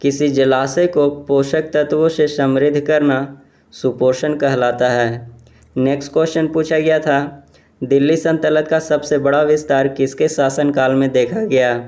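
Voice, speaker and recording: A man reading exam questions aloud and explaining each answer in a steady, repetitive way. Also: mid-range voice. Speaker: exam quiz presenter.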